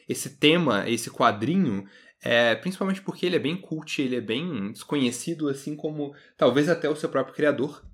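A man's voice: mid-range voice, fairly bright tone. Brazilian Portuguese man hosting a podcast. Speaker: podcast host. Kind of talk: casual podcast presenting and chat.

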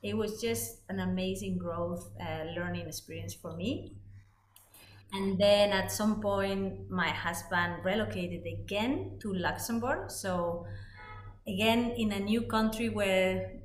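A woman in her forties with a Spanish accent, talking through her career in a measured, thoughtful way. She was raised speaking Spanish. The room sounds roomy and a bit echoey, and there is a faint hiss of noise underneath. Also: mid-range voice, fairly even intonation. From Spain. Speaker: guest, executive coach. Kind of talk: conversational interview.

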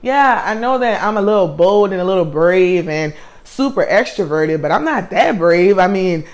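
A woman's voice: mid-range voice, lively intonation, moderate pace. Chatty Southern country woman coaching. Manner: chatty and emphatic, often says "man" and "like". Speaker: life coach and podcast host. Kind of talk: casual motivational talk. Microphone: podcast or livestream mic.

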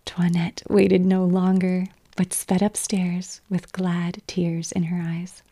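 A woman reading a storybook aloud in a slow, hushed whispered storytelling style. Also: fairly low pitch, completely flat delivery.

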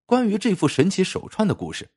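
A man narrating an old folk tale with a husky voice. His pitch swings widely as he builds each scene. The delivery is lively and engaging. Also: fairly quick. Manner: lively, expressive storytelling. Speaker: storyteller.

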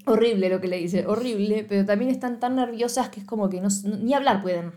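A woman with an Argentine Spanish accent talks through a film plot in casual podcast chat. She is slangy and animated, and she slips into little voices whenever she quotes the characters. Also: mid-range voice, fast talker. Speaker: podcast co-host.

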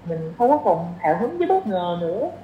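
Her fairly low, dark voice has a sing-song lilt and a brisk pace as this podcast guest casually shares her views, repeating phrases frequently for emphasis. The recording is lo-fi and dull, with roomy echo and a faint hiss of noise.

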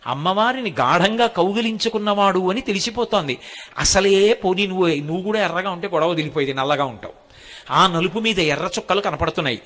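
A man giving a devotional discourse, telling stories animatedly, acting out the people in them and chanting verses. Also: high voice. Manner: animated storyteller, acting out quoted voices, chanting Sanskrit verses. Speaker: spiritual speaker.

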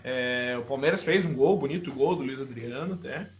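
A man's voice: medium pitch, normal speed. A man with a Brazilian accent giving colloquial, opinionated commentary in a casual sports discussion. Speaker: sports podcast panelist. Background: background music.

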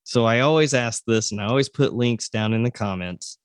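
A man's voice: medium pitch, brisk, no echo, clean studio sound. A man from Oklahoma with an American accent, hosting a podcast in a casual, appreciative and encouraging way. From Oklahoma, USA. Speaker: podcast host.

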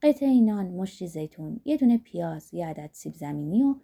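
A woman narrating a novel as an audiobook, measured and dramatic. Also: fairly low pitch, expressive, gravelly, mellow, breathy edge. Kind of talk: literary audiobook reading.

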